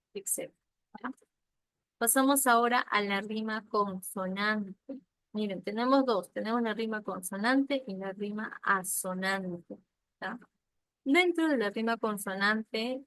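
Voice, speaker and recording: A woman's voice: mid-range voice, fairly bright tone, no echo, poor audio. Woman teaching a class, dry close sound. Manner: checks in often with a questioning "ya?"; explains slowly and patiently with examples. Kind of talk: recorded literature lesson.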